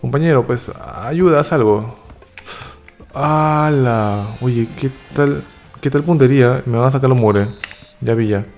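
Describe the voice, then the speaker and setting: A man giving excitable live commentary over a video game, cheering and repeating words in quick bursts. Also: medium pitch, soft background music. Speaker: gaming YouTuber.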